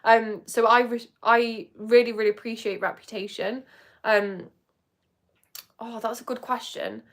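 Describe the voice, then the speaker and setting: Chatting with her live viewers from indoors at home, a young beauty livestream host rambles and giggles casually. She talks a little slowly in a fairly high, fairly bright voice, recorded on a phone or webcam.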